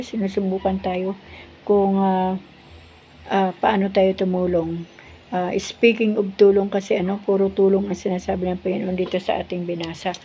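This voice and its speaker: A woman's voice: mid-range voice, lo-fi sound, a little hiss or hum. A woman hosting a Bible reading show, sharing a testimony as earnest devotional storytelling, polite and respectful toward her listeners. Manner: polite and respectful, frequent honorific po, addresses listeners as friends.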